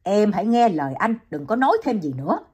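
A woman's voice: medium pitch, big pitch swings, fast talker, a little mellow, slightly rough. A woman voicing a stern young male doctor in an audiobook, giving firm, clipped orders. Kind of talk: audiobook reading.

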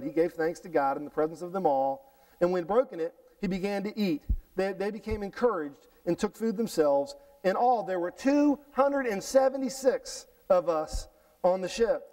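A middle-aged man preaching a sermon in a church, reading scripture aloud and explaining it with lively restarts and repeated words. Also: sits high, far from the mic, poor audio. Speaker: pastor. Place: church sanctuary stage, indoors. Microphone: headset mic.

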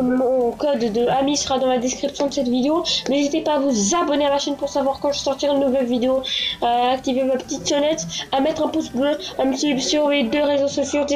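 High-pitched and a little mellow, this woman's voice carries casual, rambling gameplay commentary peppered with fillers and restarts. She's a gaming channel host with a cold and a stuffy nose, lying down in a small echoing bedroom. Game music plays as a handheld console camera records.

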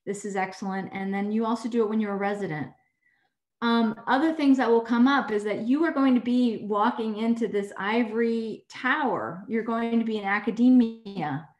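A woman who is a clinical instructor and surgeon, talking casually and warmly to medical students on a video call, rambling and correcting herself as she goes. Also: on the high side, moderate pace. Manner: warm, rambling, self-correcting. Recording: echoey room on a video call.

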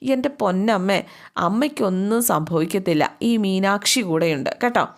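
A woman's voice: medium pitch, moderate pace, close to an everyday voice. A woman voicing a young daughter-in-law who reassures and coaxes her mother-in-law. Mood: reassuring. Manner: coaxing, reassuring.

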